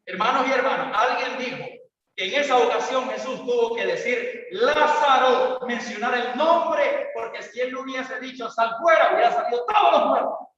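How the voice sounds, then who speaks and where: A pastor preaching an evangelistic sermon, swinging between loud calls and quiet asides. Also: male voice, very high voice, moderate pace. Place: church hall. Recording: echoey church hall, distant mic, dull sound.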